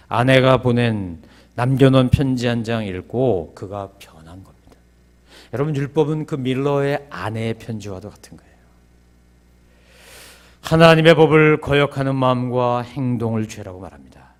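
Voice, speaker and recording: In this sermon, a male pastor asks rhetorical questions and now and then erupts into abrupt, loud, high-pitched outbursts.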